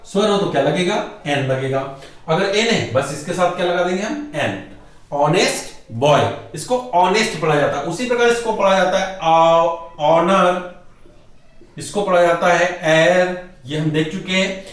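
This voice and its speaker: A middle-aged man teaching English grammar in a lecture style, who keeps asking rhetorical questions, answers them himself, and drags out key words slowly for emphasis. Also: high voice. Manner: often calls the viewer "bhai". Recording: very echoey room, voice far from mic.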